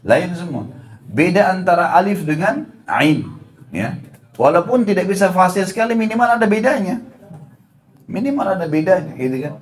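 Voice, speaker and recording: A middle-aged man giving an Islamic study lecture as a preacher. He speaks straight to his audience, repeats his points and slowly sounds out Arabic letters to show how to say them. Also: sits high, expressive.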